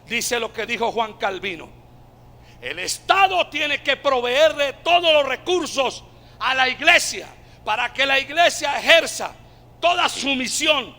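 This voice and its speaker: Colombian preacher with a high, bright voice. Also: male voice, big-room sound. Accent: Colombian Spanish. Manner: preaching with shouted climaxes and call-and-response. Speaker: pastor. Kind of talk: sermon.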